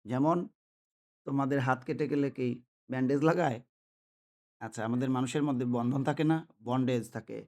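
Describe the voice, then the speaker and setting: A man's voice: medium pitch, fairly even intonation, normal speed, long pauses, dark tone. Guy doing an english grammar class, keeps asking "got it?" and repeating words. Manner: asks the listeners rhetorical questions and repeats example words. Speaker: English teacher. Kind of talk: classroom-style grammar lesson.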